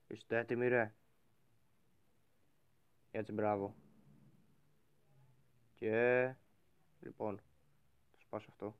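A man playing a game and role-playing a bossy pirate captain who shouts orders at his crew. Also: fairly low pitch, level tone, pauses often, clear, resonant tone, narrow, tinny audio. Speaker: gaming YouTuber. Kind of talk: Minecraft role-play commentary.

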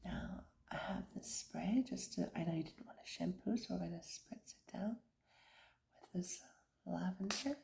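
A middle-aged woman doing a whispered role-play as a soothing, gentle hair stylist, with a breathy, slightly creaky whisper, getting over an illness. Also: lowish voice. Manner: soothing, unhurried, gentle reassurance. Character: calm, attentive female hair stylist. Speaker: ASMR performer playing a hair stylist. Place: small indoor room with fabric backdrop.

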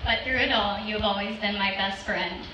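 A woman's voice: mid-range voice, brisk, recorded from a distance, noisy background. Echoey young woman giving a wedding toast. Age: young adult. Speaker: matron of honor. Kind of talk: wedding toast speech, partly read from notes. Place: open-sided wedding reception tent. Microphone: stand microphone through PA, filmed by audience phone. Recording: echoey PA heard from off, faint music.

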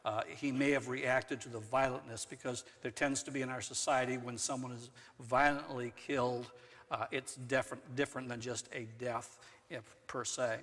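A man's voice: mid-range voice, moderate pace. A male pastor giving a conversational sermon, now and then acting out quotes with a raised voice. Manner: conversational, rising to animated acted-out quotes. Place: church sanctuary. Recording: long church hall reverb.

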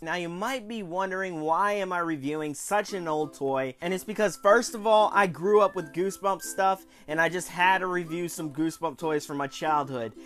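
A man in his twenties with a high, somewhat bright voice hosts an informal toy review show from a small room at home. He comes across as chatty and enthusiastic.

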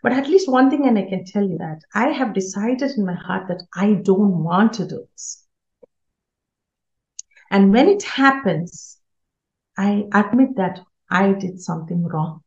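A woman's voice: medium pitch, lively intonation, measured pace, darkish tone. Earnest woman giving a parenting talk. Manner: earnest, repeats key words for emphasis. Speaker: parenting speaker. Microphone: video call. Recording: roomy, slightly dull online call audio.

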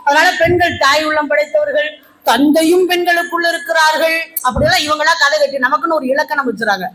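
A woman's voice: high-pitched, fairly quick, a little hiss or hum, poor audio. A woman teacher giving a humorous speech at a festival, acting out classroom dialogue as she tells school stories. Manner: animated, acts out classroom dialogue. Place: event hall.

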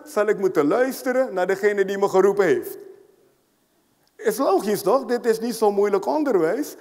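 A man preaching a sermon as an apostle to a congregation, stressing his points, repeating them and checking in with rhetorical questions. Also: high voice. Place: church hall with congregation. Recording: long hall reverb.

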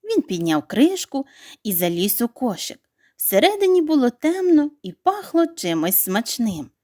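A woman narrating a children's bedtime story in an expressive, animated reading voice. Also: fairly high pitch, measured pace, no room sound, studio quality.

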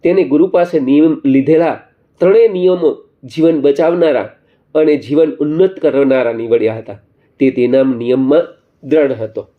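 A man narrating a religious story in a measured, deliberate way. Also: on the high side. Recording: slightly muffled recording.

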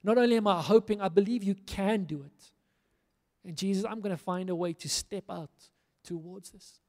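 A fervent, high-voiced male preacher from South Africa gives a sermon as pastor on a church stage in a large hall. Speaking at normal speed with a darkish tone into a handheld microphone, he is earnest and rousing, using emphatic repetition, and long hall reverb surrounds him.

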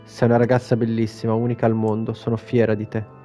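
A man's voice: on the low side, monotone, fast talker, warm tone, soft background music, natural voice. A man reading the lines of a frail, teasing old grandmother from a video game, in his own plain voice.

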